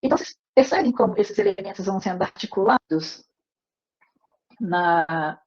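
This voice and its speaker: A woman teaching a literature class online, explaining step by step and often adding quick tag questions. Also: medium pitch, lively intonation. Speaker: literature lecturer. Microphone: wireless earbuds on a video call. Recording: dull lo-fi online call audio.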